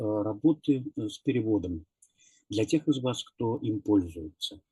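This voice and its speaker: A man's voice: medium pitch, warm tone, husky, no room sound. A male interpreter giving procedural instructions over a video call, hesitant, with frequent "eh" fillers. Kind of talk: procedural announcement.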